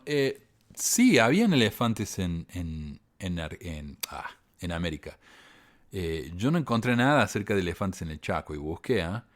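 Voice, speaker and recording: Argentine guy hosting a live show, lowish voice, wry, keeps restarting his sentences. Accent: Argentine Spanish. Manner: wry, hesitant, many restarts and fillers. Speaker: podcast host reading viewer comments. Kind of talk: casual live-show commentary.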